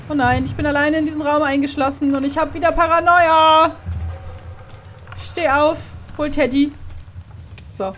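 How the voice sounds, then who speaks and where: A young woman commenting on a horror game as she plays, chatty and exclaiming, sometimes swearing. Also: sits high. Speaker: let's play host.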